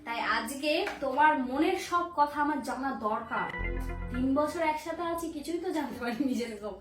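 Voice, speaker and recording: A woman's voice: high voice, moderate pace, a bit bright, recorded from a distance, soft background music. A woman, chatting and teasing as she hosts a casual vlog, explaining things at length. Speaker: vlogger. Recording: echoey room with faint noise.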